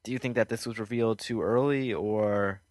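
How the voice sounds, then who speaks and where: A man's voice: lowish voice, steady tone, moderate pace, a little mellow, no room sound, studio quality. A man co-hosting a podcast, joking around and chiming in with questions and theories. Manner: joking, chimes in with quips and questions. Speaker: podcast co-host. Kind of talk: casual chat.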